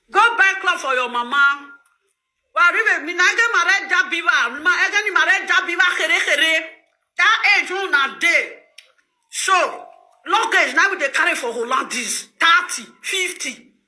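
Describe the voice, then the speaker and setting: A middle-aged Nigerian woman ranting to her viewers in pidgin, loud and laughing as she scolds. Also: high-pitched, reverberant. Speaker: social media host. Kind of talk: animated pidgin rant to viewers.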